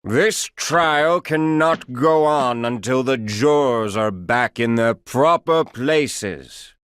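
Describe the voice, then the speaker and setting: A woman voicing a fretful old male king in a storybook, speaking in a slow, weary, grumbling way. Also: rumbling low, clear, resonant tone, pitched below the performer's own voice. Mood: stern.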